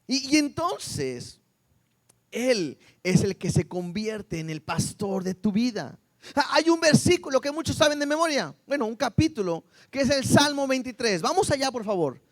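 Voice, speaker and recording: A male preacher delivers a Sunday sermon to his congregation. His voice sits unusually high for a man. He keeps it lively, firing question after question at the people in front of him. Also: moderate pace. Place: church service before a congregation.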